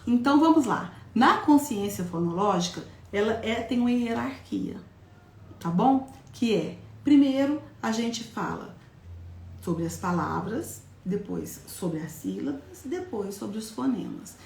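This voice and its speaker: A woman teaches in a live talk, breaking ideas into small steps and turning to the audience with questions. Her voice sits a little high. The sound is roomy and echoey. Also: measured pace, vocal fry. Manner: explains step by step, often asks the audience questions; demonstrates syllables in a lively, childlike classroom voice. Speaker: educator giving a live talk on literacy.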